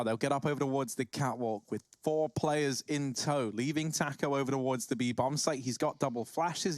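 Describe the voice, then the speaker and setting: A man casting an esports match play-by-play, calling the action briskly and excitedly on a headset mic. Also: fairly high pitch, no room sound, studio quality. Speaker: esports caster. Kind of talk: play-by-play commentary.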